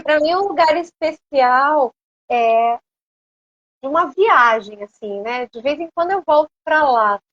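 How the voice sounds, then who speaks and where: High-voiced Brazilian woman, rambling guest. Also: measured pace, dry recording, dull audio. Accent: Brazilian Portuguese. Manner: rambling and animated, many hesitant fillers. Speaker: interview guest. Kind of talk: casual conversation.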